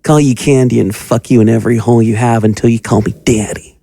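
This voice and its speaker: Fast and steady, this mid-range male voice carries vocal fry and a mellow quality on a dry, clean studio recording. The actor portrays a domineering occult magus in an audio drama, menacingly belittling and ordering around his pupil as a cruel, mocking teacher.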